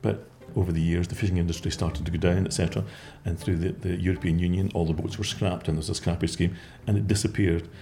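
A man's voice: deep voice, fairly even intonation, quick pace, hardly any pauses, warm tone. A man from Scotland who runs a care home, answering interview questions in a reflective way, often repeating words as he thinks.

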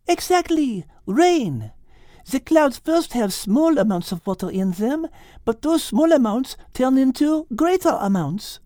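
A woman's voice: sits high, sing-song, measured pace, warm tone, no echo, clean studio sound, pitched above the performer's own voice. A woman putting on a perky French teacher. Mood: explaining. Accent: French, put on. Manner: encouraging, sprinkles French words. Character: cheerful French-accented female teacher.

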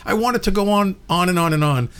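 A man's voice: high-pitched, fast talker, fairly bright tone, smooth. A man from Brooklyn co-hosting a music podcast in casual chat, joking and laughing as he talks. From Brooklyn, New York. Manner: jokey, laughs while talking. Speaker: podcast co-host.

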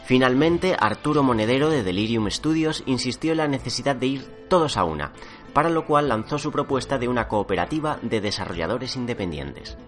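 A man reading a scripted news report with a measured, formal delivery. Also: mid-range voice, lively intonation. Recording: faint music under the voice.

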